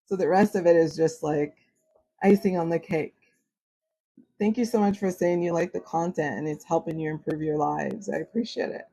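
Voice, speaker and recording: A woman whose first language is French hosts an astrology livestream, chatting casually with viewers and using lots of "like" and "you know," though she calls herself formal when speaking English. Her deep, husky, dark voice with vocal fry stays fairly even at a moderate pace, in a low-quality recording.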